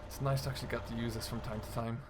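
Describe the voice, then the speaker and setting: A British man, a video game streamer hosting, gives casual, explanatory commentary over a farming simulator role play, musing aloud as he goes. His mid-range voice holds a level tone at a racing pace. Tractor and loader engine sounds from the game come through clearly behind him.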